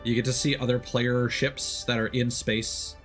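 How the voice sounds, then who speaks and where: With music playing behind him, a man streams a game and walks through its mechanics in casual commentary. His mid-range voice is flat and moderately paced, and he sounds hesitant, as if figuring it out aloud.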